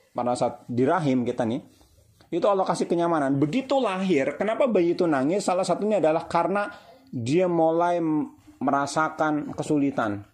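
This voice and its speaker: A man's voice: on the high side, darkish tone. A middle-aged man giving a casual religious talk, conversational and repetitive, asking rhetorical questions. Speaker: Islamic preacher.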